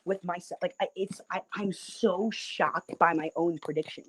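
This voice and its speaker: A man's voice: high-pitched, steady tone, moderate pace, a bit bright, no echo. A man co-hosting a sports podcast in casual debate, persistent and pushing his point.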